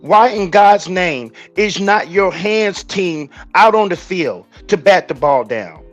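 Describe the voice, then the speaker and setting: A man's voice: high-pitched, lively intonation, slow, muffled recording, faint music behind. A man ranting angrily about a football loss on a podcast, exasperated and emphatic. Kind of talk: heated sports rant.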